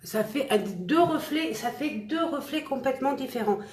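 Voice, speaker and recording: A woman's voice: high-pitched, expressive, moderate pace, darkish tone, echoey room. A woman chatting casually with viewers while she demonstrates a makeup look, joking about herself as she works. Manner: chatty, self-mocking, talks to viewers while applying makeup. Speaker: makeup vlogger. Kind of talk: casual makeup tutorial livestream.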